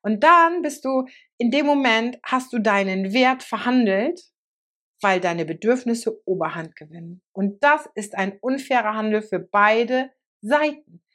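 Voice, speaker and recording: A woman giving a lively, colloquial motivational talk as a coach, often repeating words for emphasis. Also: fairly high pitch, a little slow. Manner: lively, acts out quoted voices.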